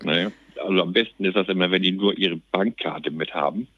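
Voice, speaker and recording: A man's voice: deep voice, brisk, dry recording, muffled recording. A man speaking as a sergeant major guest in an interview, colloquial and plain-spoken. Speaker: army company sergeant major, podcast guest. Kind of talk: casual interview talk.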